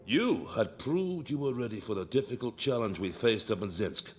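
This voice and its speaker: In a war game cutscene, an actor plays a stern Soviet commissar acting as interrogator, coldly and dogmatically defending the decision to send soldiers to die. His voice is medium in pitch with big swings, at normal speed, and the acting is light.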